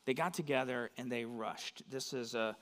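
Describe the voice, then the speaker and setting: Speaking at normal speed with a medium-pitched, fairly bright voice, a West Texas pastor preaches in a church sanctuary. His style is conversational, with frequent check-ins with listeners, and the sound carries long hall reverb.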